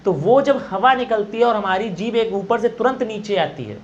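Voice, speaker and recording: Patiently demonstrating sounds by saying them aloud again and again, a Hindi exam teacher explains pronunciation classroom-style. His voice is high and expressive at a moderate pace, captured in lo-fi sound with a little hiss or hum.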